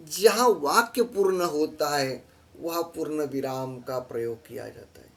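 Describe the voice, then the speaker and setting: Higher-pitched man teaching a slide lesson. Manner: explains patiently, repeats key phrases, pauses with fillers. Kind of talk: classroom lesson over slides.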